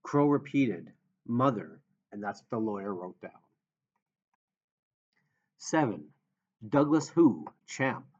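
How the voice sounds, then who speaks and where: A man reading an audiobook in a steady, measured narration. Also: lowish voice. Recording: dull lo-fi audio.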